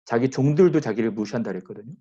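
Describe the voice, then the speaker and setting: A man's voice: medium pitch, lively intonation, very fast, dark tone, slightly rough, lo-fi sound. A male pastor giving a morning devotional sermon in a conversational way, speaking directly to his listeners.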